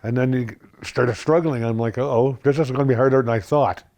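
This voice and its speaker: Soft-spoken older man with a dark voice. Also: medium pitch, fairly even intonation, a little fast. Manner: soft-spoken, reads his love notes aloud. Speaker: husband interviewed in a news feature. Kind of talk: interview and reading.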